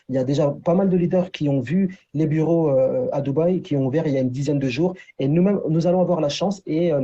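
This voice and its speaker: In Paris, a man pitches a business opportunity over a video call, speaking loosely with many fillers and repeatedly saying "d'accord" and "entre guillemets" to check in. His voice is fairly high-pitched, dark and slightly rough, and the recording sounds muffled.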